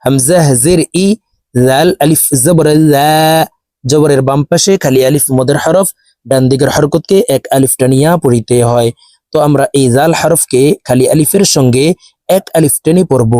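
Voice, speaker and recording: A man teaching Quran recitation to viewers, spelling out each letter and vowel mark aloud and then chanting the verse slowly. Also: medium pitch, warm tone, no room sound, clean studio sound. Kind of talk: spelling-out tajweed lesson with slow chanted recitation.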